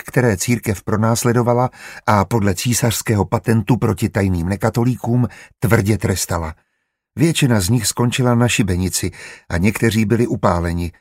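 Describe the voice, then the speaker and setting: A man narrating an audiobook in a measured, even storytelling manner. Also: lowish voice, husky, no room sound, clean studio sound.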